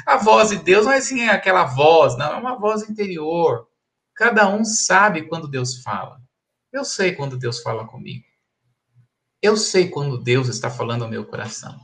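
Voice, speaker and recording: Gravelly man preaching. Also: fairly high pitch, sing-song, normal speed, fairly bright tone. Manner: emphatic, repetitive, chuckles between points. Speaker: pastor. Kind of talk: live-streamed Bible study preaching.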